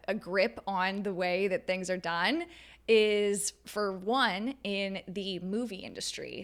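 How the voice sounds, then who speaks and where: A woman speaking as a video creator in a reflective, conversational commentary, pausing mid-phrase as she thinks. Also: medium pitch, a bit bright. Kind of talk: reflective talking-to-camera commentary.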